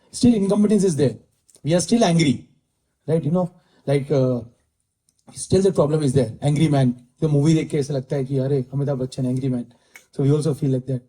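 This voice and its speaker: A man with an Indian English accent gives a scripture lecture to his listeners. His voice sits a little high yet sounds very dark and mellow. He repeats key phrases and drifts into Hindi mid-sentence. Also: poor audio. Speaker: spiritual teacher giving scripture class.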